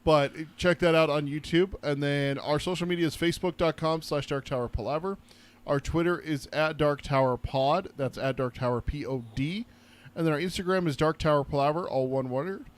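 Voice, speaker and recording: A man's voice: a little high, moderate pace. A man co-hosting a podcast, speaking in a casual, informal, teasing way. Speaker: podcast co-host.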